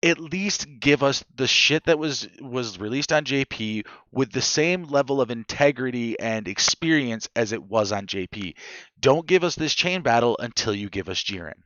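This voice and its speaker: A man hosting a podcast rants with blunt, emphatic force and drops swear words freely. His voice sits at a middling pitch. The audio is dull and lo-fi, with a dry sound and no room echo. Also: animated, normal speed, a bit bright. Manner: ranting, profane, emphatic. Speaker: podcast host. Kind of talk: casual podcast chat.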